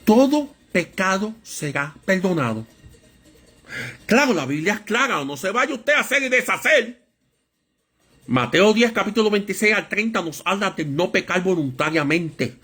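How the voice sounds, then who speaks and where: A man preaching a Bible study sermon, with a lively storytelling manner that acts out voices in anecdotes. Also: sits high, moderate pace, slightly rough, soft background music.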